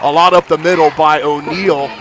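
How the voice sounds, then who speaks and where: A man doing live high school football commentary with a thick smoker's rasp, congested from hay fever. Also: fairly even intonation, moderate pace, crowd noise, poor audio. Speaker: play-by-play announcer. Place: outdoor football stadium broadcast.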